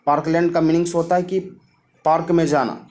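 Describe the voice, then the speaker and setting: Male teacher, slightly high voice, drills facts through repeated self-quizzing. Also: little pitch movement, brisk, a little mellow. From Bihar, India. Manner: repetitive, quizzing himself with questions and answers. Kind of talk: mnemonic geography lesson.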